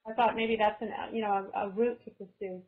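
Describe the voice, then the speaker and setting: Over a video call with slightly dull, lo-fi sound, a Canadian author talks briskly in a steady, medium-pitched voice. The webinar chat is casual and reflective, and she frequently starts her phrases over while thinking.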